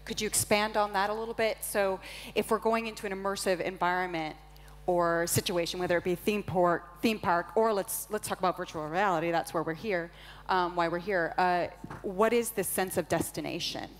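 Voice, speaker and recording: A woman's voice: on the low side, steady tone, moderate pace. A woman moderating a live stage interview, asking questions hesitantly and repeating words as she goes. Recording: long hall reverb, faint hum.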